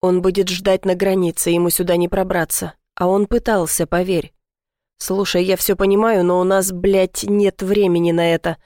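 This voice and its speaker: A woman's voice: on the low side, level tone, moderate pace, dark tone, no echo, natural voice. Curt commanding man in an audiobook, read by a woman, dry close sound. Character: tense gruff male fighter.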